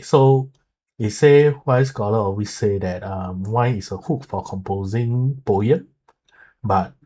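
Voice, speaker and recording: A man with a fairly low, husky voice talks through a game preview casually. His delivery is halting and explanatory, with a soft, mellow tone and frequent little connecting words. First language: not Mandarin; speaks it haltingly. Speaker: streamer and video creator explaining a game. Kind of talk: casual live commentary translating an article.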